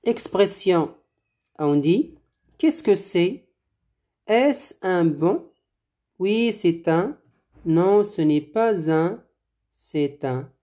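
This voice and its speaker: Teacher voice, very slow drill pace, mellow dark tone, careful word-by-word delivery. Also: medium pitch, lively intonation. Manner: slow, deliberate, repeats words for learners. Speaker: French teacher. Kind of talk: slow drill-style French lesson.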